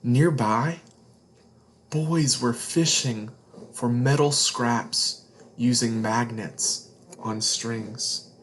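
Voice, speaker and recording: A man hosting a children's read-along reads a storybook slowly and expressively. His medium-pitched voice is emphatic and deliberate, and he explains words for his young listeners. There's a slight hiss or hum on the recording.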